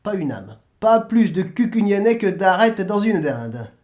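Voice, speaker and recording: A man's voice: high-pitched, sing-song, measured pace, darkish tone. A man reading aloud and voicing a jovial old male saint who keeps heaven's gate, hearty and welcoming.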